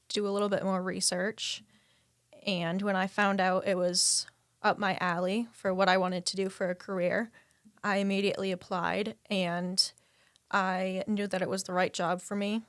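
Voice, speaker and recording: A twenty-one-year-old woman chats on a podcast in a soft, matter-of-fact way. Her pitch barely moves, and the recording is dry and close. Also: dry recording. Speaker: peer support worker, podcast guest. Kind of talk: casual podcast chat.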